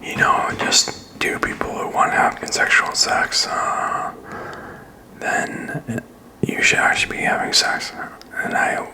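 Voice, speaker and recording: A man in his thirties rambles in a halting, unscripted whisper for ASMR, very close to a desk microphone in a small quiet room. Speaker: ASMR video creator. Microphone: desk microphone with furry windscreen, very close.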